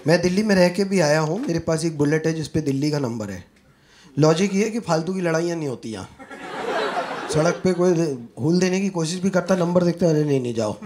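Young male comedian, handheld mic on stage. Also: fairly high pitch. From Uttar Pradesh, India. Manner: animated storytelling, mixing Hindi and English, acting out characters. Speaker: stand-up comedian. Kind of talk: stand-up comedy set. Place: comedy club stage before a live audience. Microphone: handheld corded mic. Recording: live club recording with audible crowd noise. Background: audience laughter.

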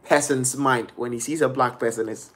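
Speaking at a normal speed in a mid-range voice, a young Ghanaian man chats casually and animatedly to his live-stream viewers from a small bedroom. He gestures plenty and imitates the people he quotes with changing voices, picked up by a laptop or phone webcam at arm's length.

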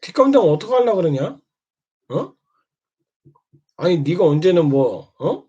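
Needling high-voiced man, scolding. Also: sing-song, a little slow, mellow, husky. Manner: needling, keeps prodding with "eh?"; scolding, mocking. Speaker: streamer. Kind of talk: taunting monologue at another streamer. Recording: dull lo-fi sound.

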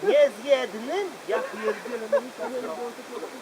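A man's voice: very high-pitched, very animated, moderate pace, crowd noise, low-quality recording. A man playing a gossipy, crude woman on the phone in a live comic monologue, rambling with fillers and punning jokes. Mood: gossiping. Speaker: comedian. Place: bachelor party.

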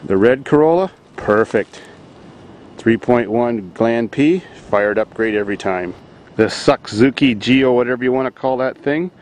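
A man's voice: medium pitch, unhurried, slight background noise. A man from Canada, talking casually and jokily while walking around his farm, recorded on a handheld camera mic. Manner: rambling, jokey, deadpan. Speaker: vlogger. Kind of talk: casual vlog walkthrough. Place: outdoors on a farm.

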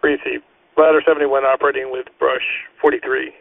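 Male incident commander, level intonation, procedural halting delivery, firefighter radio sound. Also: mid-range voice, level tone, vocal fry. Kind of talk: fireground radio traffic. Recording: narrow radio channel with faint static.

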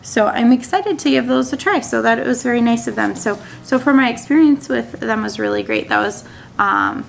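A woman's voice: fairly high pitch, gravelly. A woman in her thirties from Minnesota, chatting casually to camera in a dining room and showing seed packets, upbeat with frequent ums. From Minnesota, USA. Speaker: homesteading vlogger. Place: small indoor dining room at a wooden table.

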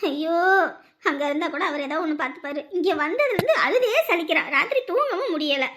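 Lady doing a fed-up young mom yelling at her baby, shrill, tamil nadu accent, fast. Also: animated. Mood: exasperated. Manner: shrill, exasperated scolding. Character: harried young mother scolding her crying baby. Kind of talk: family drama acting.

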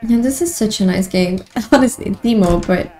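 A woman's voice: medium pitch, normal speed, warm tone, faint music behind. A woman streamer giving casual commentary while playing a horror game, easily startled and talking to herself. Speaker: gameplay streamer.

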